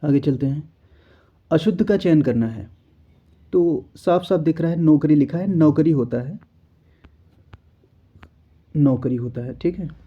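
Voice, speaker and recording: Man teaching spelling, dull lo-fi sound. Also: a little high. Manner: explains step by step, often checks in with the learner. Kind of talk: exam-prep spelling lesson. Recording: dull lo-fi recording.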